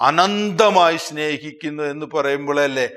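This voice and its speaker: Male priest, Malayali accent, sermon, sudden rises and drops in loudness, long hall reverb. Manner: expressive, with sudden swings in pitch and loudness; slows down sharply to stress phrases.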